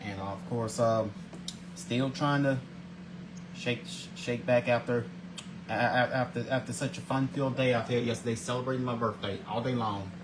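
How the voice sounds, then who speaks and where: Reading his segments aloud at a moderate pace and ordinary pitch, a daily video show host in his forties stumbles, repeating and restarting phrases. His tone stays steady, his greetings are earnest and religious, and clear background noise runs underneath this casual scripted vlog.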